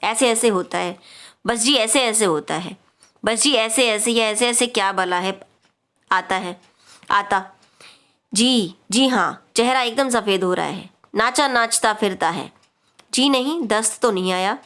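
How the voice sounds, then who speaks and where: A woman's voice: medium pitch, a little slow, a bit bright, natural voice. A woman reading aloud the lines of a worried father of a sick boy, anxious and plain. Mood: polite.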